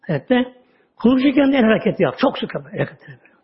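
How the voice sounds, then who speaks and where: A man giving a religious talk, telling stories with drawn-out words and sudden drops to a low voice. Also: big pitch swings. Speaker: religious teacher. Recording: dull lo-fi audio recording.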